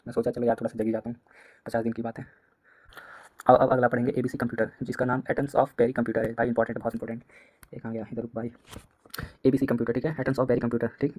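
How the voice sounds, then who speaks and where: Fast-talking husky young male tutor. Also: medium pitch. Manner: rapid, repetitive, casual, addresses students as "bhai". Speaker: exam-prep teacher. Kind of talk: fast late-night revision lecture.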